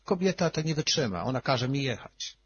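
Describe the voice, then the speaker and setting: A male pastor telling a personal testimony in a sermon, emotional, swinging between hushed and loud. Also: mid-range voice, lively intonation, a little fast, breathy edge, lo-fi sound.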